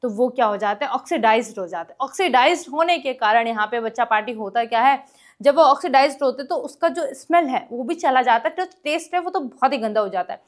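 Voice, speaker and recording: Woman, high voice, teacher, exam-prep lesson, asks students questions, reads English slowly, coughs now and then. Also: expressive. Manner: explains step by step in Hindi mixed with English, keeps asking the class questions.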